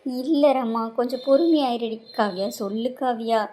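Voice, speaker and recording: A woman's voice: fairly high pitch, normal speed, warm tone, close to an everyday voice. A woman as an anguished aunt defending her son. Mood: distressed. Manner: distressed, pleading, lamenting.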